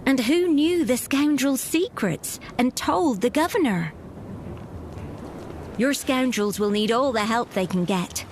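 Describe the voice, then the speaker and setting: High-voiced woman narrating an adventure game. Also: animated, slow, a little hiss or hum.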